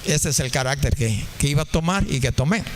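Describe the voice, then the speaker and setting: A man's voice: on the high side, expressive, a little fast, a little hiss or hum. A man preaching a sermon, telling a funny story and chatting with the congregation. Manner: joking, anecdotal, conversational with the congregation. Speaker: pastor.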